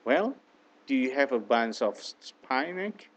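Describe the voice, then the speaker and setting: A man's voice: mid-range voice, big pitch swings, takes it slowly. A man voicing a woman shopper in a textbook dialog, reading each line carefully to model intonation. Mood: polite.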